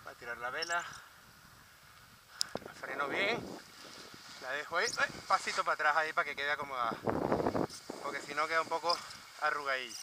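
A man's voice: on the high side, brisk, pauses often. A man with a Spain Spanish accent instructing informally and hands-on outdoors, with wind on the microphone. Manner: hands-on, explains while exerting himself, with sound effects. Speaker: paragliding instructor. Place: open windy hilltop outdoors.

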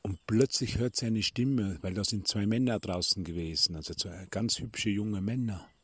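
A middle-aged man giving a devotional talk from a retreat, telling a story and addressing listeners as dear ones, sometimes dropping to a hushed near-whisper, recorded as a phone voice message. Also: on the low side, normal speed, breathy edge, no room sound. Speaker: spiritual teacher. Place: retreat in Tuscany.

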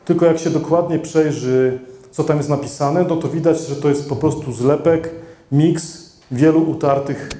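A middle-aged man presenting at a conference, speaking into a handheld mic with plenty of fillers and self-corrections. His voice sits a little high but sounds mellow and dark. The hall gives it a roomy echo. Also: fairly even intonation, moderate pace. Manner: hesitant, many fillers and restarts, addresses the audience. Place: conference hall with seated audience. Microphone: handheld microphone.

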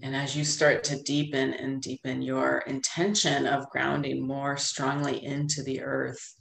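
A middle-aged woman calmly guiding a grounding meditation in a soothing, unhurried voice with long pauses, over a video call. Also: very deep voice, gravelly. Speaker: meditation guide. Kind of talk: calm guided grounding meditation. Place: indoor room with plain wall, on a video call. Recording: roomy, echoey video call audio.

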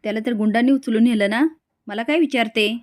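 A woman's voice: on the high side, brisk, lightly acted. A woman voicing a haughty, scheming young woman who taunts and dismisses others. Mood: scornful.

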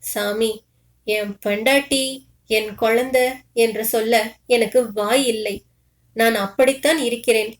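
A woman's voice: a little high, steady tone, slow, pauses often. Woman reading as a guilt-stricken beggar man. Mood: remorseful. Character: remorseful poor male beggar, sobbing and guilty.

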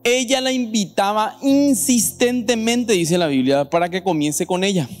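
A man with a Paraguayan Spanish accent preaching a sermon as pastor at a church service, animated and questioning the congregation directly. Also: high voice, unhurried.

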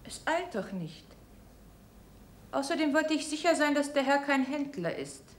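A woman's voice: sits high, big pitch swings, measured pace, echoey room. An actress playing a refined swindler who poses as a noblewoman, speaking in a genteel, discreet way.

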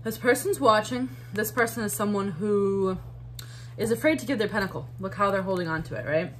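A woman's voice: mid-range voice, fairly quick, fairly bright tone, a little hiss or hum, low-quality recording. A woman giving a casual tarot reading, chatty and thinking aloud with fillers and little laughs. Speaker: tarot reader.

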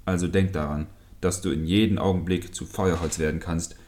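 A man's voice: low-pitched, fairly even intonation, brisk, a little mellow, close to an everyday voice. A man playing a grumpy, short-tempered fisherman who scolds and threatens his fishing hook in a storybook reading. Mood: angry. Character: grumpy, hot-tempered adult male fisherman.

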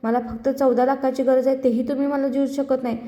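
Lady doing an entitled young guy, whiny and insulting, flat delivery, kinda dark tone. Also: sits high, a little fast, natural voice. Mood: resentful. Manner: scornful, insulting, whining. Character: angry young man demanding money from parents. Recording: echoey room.

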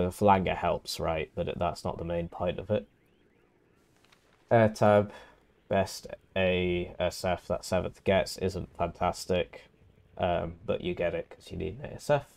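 This game caster has a deep, slightly mellow voice with vocal fry, and it sounds nasal and congested because he's sick. Casting a strategy game match from home, he talks through the options in a casual, wry way.

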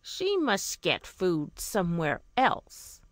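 A woman's voice: fairly low pitch, huge pitch swings, slow pace, no room sound, clean studio sound, full character voice. A woman voicing spiteful, scornful sisters in a fairy tale reading. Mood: suspicious.

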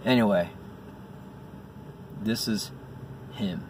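A middle-aged amateur comedian talks bluntly and casually from inside a parked vehicle, mixing a vlog with stand-up bits and profane asides. His voice is on the low side and very slow. A phone or camera held at arm's length picks him up distantly in the car, with faint noise.

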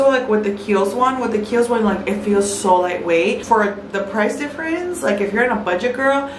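A woman talks her way through a skincare routine in a relaxed, chatty way. She leans on "like" and drops Spanish phrases into her English. The small bathroom gives her voice a noticeable echo, and there is a steady background noise. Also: on the high side. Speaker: vlogger. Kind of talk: casual skincare vlog chat. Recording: echoey room with background noise.

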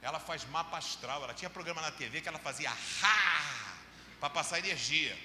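Brief: male Brazilian pastor from Rio, sermon storyteller, higher-pitched bright voice, long church reverb. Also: fast talker, noisy background. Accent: Brazilian Portuguese, Rio de Janeiro. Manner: lively storytelling, acts out dialogue, swings from loud to quiet. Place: church hall. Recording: echoey church hall, long reverb, faint ambience.

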